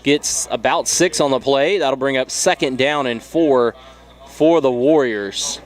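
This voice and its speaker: A man with a Southern US accent calling play-by-play for a high school football game in a steady, measured way. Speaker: play-by-play announcer.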